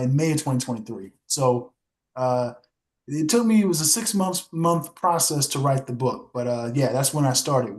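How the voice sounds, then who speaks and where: A man's voice: on the high side, darkish tone. Earnest young man, lots of fillers. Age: young adult. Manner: earnest, many fillers and restarts. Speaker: guest author. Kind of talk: casual podcast conversation.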